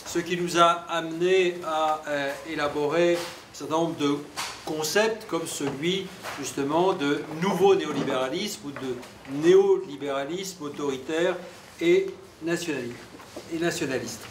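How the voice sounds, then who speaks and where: A man's voice: fairly high pitch, measured pace. A man hosting an academic event, introducing speakers in hesitant, broken-up phrases. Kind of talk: semi-improvised academic introduction. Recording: echoey room, distant mic, faint noise.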